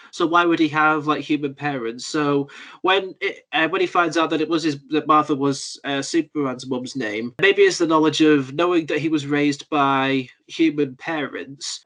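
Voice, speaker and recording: Bright-voiced hesitant young man. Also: fairly high pitch. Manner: hesitant, many "uh" fillers and restarts. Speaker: radio show co-host. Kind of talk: casual film discussion.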